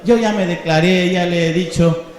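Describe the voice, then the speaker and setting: A sheepish young man from the congregation , as a preacher puts him on, soft and halting, hemming between words. His voice drops lower than the preacher's own, and the sound carries a long hall reverb. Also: flat delivery. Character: timid young churchman asking to marry. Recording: echoey church hall.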